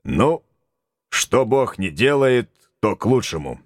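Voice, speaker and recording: A man's voice: medium pitch, very animated, takes it slowly, no echo, clean studio sound, voice pushed up. A man doing a folksy, bossy old-time tsar. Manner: homespun old-fashioned speech, blunt and chatty. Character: folksy bossy male tsar, middle-aged. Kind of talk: audiobook character voice.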